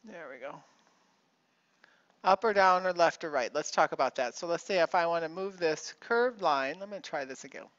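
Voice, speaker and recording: A woman teaching a recorded math lesson in a casual, chatty way, with fillers and quick self-corrections as she thinks aloud. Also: sits low, fairly bright tone, highs cut off.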